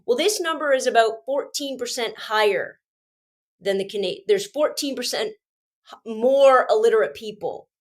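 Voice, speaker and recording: At a moderate pace and a fairly high pitch, a congested Canadian woman, a teacher hosting her own program, talks casually by herself. She stresses things with passion, restarts often, and gets screechy whenever she's worked up.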